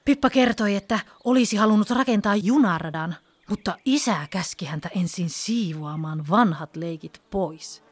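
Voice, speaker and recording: Lively woman reading a children's story. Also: medium pitch, no room sound. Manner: expressive, animated storytelling.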